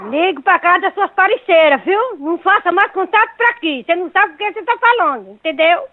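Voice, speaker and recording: A woman's voice: extremely high pitch, expressive, fast, a little hiss or hum. A woman, heard over a landline phone, answering a prank call and scolding the caller indignantly. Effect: heard over a landline phone line. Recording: tinny dry phone line.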